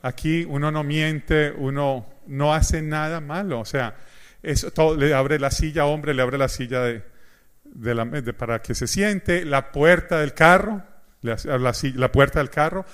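A man's voice: on the high side, unhurried, clear, resonant tone. A middle-aged man preaching a sermon as pastor, telling stories and acting out both sides of a conversation. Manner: animated storyteller, acts out dialogue. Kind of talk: sermon with humor.

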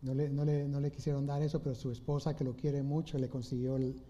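A man preaching an informal sermon, retelling a Bible story in a halting way with many restarts and rhetorical questions. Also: mid-range voice, level tone, warm tone. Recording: slightly dull lo-fi audio.

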